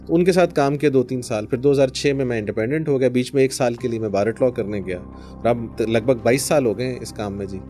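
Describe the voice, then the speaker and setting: A middle-pitched man with a Pakistani Urdu accent talks through his career in a warm, even storytelling voice, dropping English phrases into his sentences. Faint music plays under the conversation. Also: quick pace. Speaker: lawyer, podcast guest. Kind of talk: conversational interview answers.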